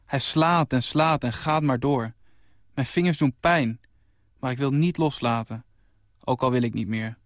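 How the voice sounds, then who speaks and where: Young male writer, mid-pitch, calm narrator, dry studio sound. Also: no room sound. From Netherlands. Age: 20s. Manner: calm, even storytelling, lifting his voice for the quoted lines. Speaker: short story writer. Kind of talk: reading his own short story.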